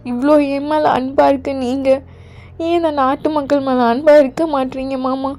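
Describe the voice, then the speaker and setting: A woman voicing a gentle young queen who pleads softly with her husband in a fan audio drama, over faint music. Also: sits high, fairly even intonation, normal speed, lightly acted. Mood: pleading.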